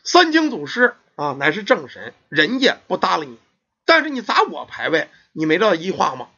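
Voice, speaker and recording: A man's voice: high-pitched, wildly swooping pitch, moderate pace, vocal fry, sharp tone, husky, dull audio, exaggerated voice. A man voicing a vengeful weasel spirit that possesses a young woman, cursing and threatening in a storyteller's retelling. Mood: furious.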